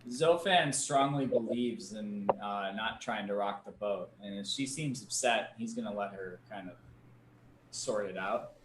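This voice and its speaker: A man's voice: lowish voice, measured pace. Player man in an echoey room. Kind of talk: casual game play. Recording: echoey room with faint noise.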